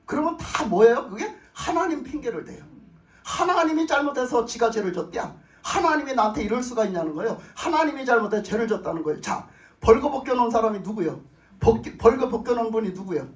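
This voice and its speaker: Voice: medium pitch, animated, fast talker. A pastor preaching a sermon emphatically, repeating phrases and putting questions to the congregation. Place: church sanctuary with congregation. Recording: roomy echo, voice far from mic.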